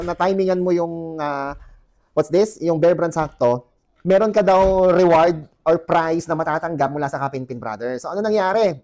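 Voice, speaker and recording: Male vlog host, fairly high-pitched, chatty and animated, laughs easily while telling the story.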